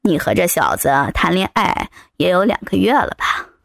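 A woman's voice: fairly low pitch, very animated, normal speed, creaky, dry recording, studio quality, pitched below the performer's own voice, exaggerated voice. A woman voicing a crude, domineering man who curses and barks orders, dropping far below her own voice. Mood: gruff bullying. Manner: coarse, bullying, swearing. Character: crude domineering male thug, adult man.

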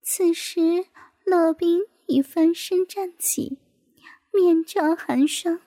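High-voiced woman narrating in a hush. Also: takes it slowly, dry recording. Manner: hushed, half-whispered reading. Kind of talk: storybook narration.

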